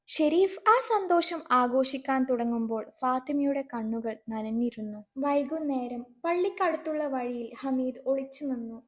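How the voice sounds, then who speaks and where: A woman narrating a dramatic family story in a steady, scripted storytelling read. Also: high voice.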